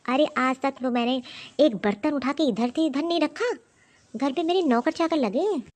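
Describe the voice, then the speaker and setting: A spoiled young daughter-in-law, voiced by a woman, orders her mother-in-law about in a cartoon. Her voice sits high and sounds haughty and demanding. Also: moderate pace, a little mellow, lightly acted. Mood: scornful. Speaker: voice actor. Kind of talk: cartoon voice acting.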